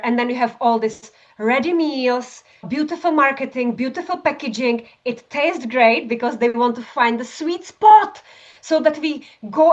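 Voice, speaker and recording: A woman from Czechoslovakia, a functional medicine practitioner, explaining passionately in an interview, often ending points with tag questions. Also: high-pitched. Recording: dull lo-fi audio.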